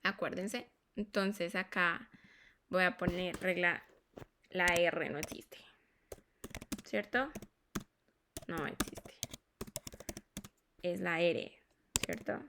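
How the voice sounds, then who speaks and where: In a noisy setting, a woman with a lowish voice teaches English pronunciation, repeating words and checking in with her students. She speaks slowly and deliberately, spelling sounds out as she explains phonetics to the class.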